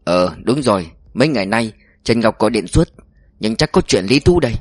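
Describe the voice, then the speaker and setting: Male reader as older chief prosecutor; hearty, joking, slightly lowered voice. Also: animated, a little fast, no room sound.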